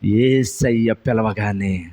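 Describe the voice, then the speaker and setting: A male pastor giving a fervent sermon. He swings between loud shouted climaxes and quiet low asides, repeats phrases, and puts questions to the congregation. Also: slow pace.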